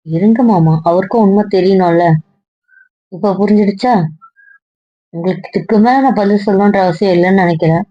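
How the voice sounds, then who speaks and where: A woman's voice: medium pitch, fairly quick, long pauses, dry recording, muffled recording. A woman acting in an amateur web series, speaking firmly and cuttingly.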